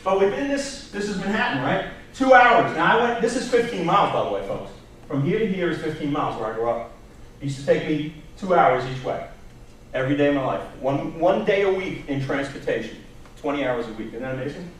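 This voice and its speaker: Recorded from far off in an echoey meeting room with background noise, a presenter who teaches job searching tells lively stories to a staff meeting. He's from Long Island, has a Brooklyn New York accent, and speaks a little fast in a fairly high pitch, acting out quotes, asking rhetorical questions, and chuckling along the way.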